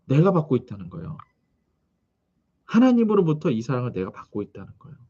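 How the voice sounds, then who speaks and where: A man preaching a sermon, reading scripture and telling its background in an animated way, with frequent questions to the congregation. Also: medium pitch, fast talker, slightly rough, muffled recording. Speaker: pastor.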